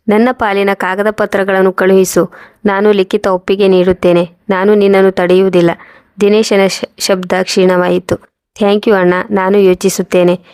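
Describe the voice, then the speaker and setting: A woman narrating a first-person moral story in an even, steady reading voice, speaking the quoted dialogue in the same voice. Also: medium pitch, clean tone, no echo.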